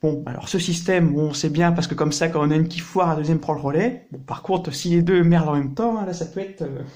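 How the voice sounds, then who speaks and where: A man's voice: a little high, fairly quick, a little mellow. A man hosting a casual hands-on computer hardware tutorial, chatty and explaining through everyday comparisons.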